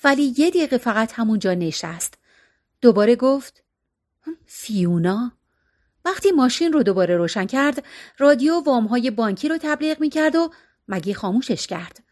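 A woman narrating a story in a steady storytelling voice, shifting expressively from line to line. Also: fairly high pitch. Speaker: audiobook narrator.

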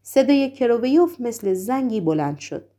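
A woman narrating a novel aloud in an even storytelling manner. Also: a little high. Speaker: audiobook narrator. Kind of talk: scripted narration.

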